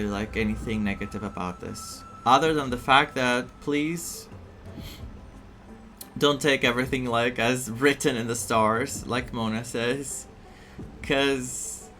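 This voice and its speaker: This gaming streamer speaks a little slowly in a sharp, medium-pitched voice, casually rambling over a story game's music. Using fillers, he pokes fun at the game's vague fortune-telling with silly put-on voices.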